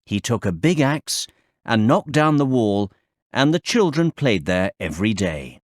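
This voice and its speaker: A man reading a children's story and track announcements for a textbook course in scripted narration. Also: mid-range voice. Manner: slow, careful classroom reading with lively intonation.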